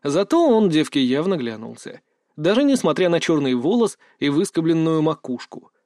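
A man reading a first-person fantasy audiobook aloud, with measured pacing and lively rises in pitch. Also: no room sound, clean studio sound. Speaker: audiobook narrator.

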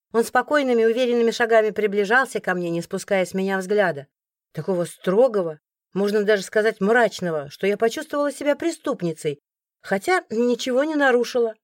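A woman narrates a first-person story in an expressive, lively storytelling voice. The recording is dry and close, with nothing of the room around her. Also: medium pitch, no room sound. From Siberia, Russia.

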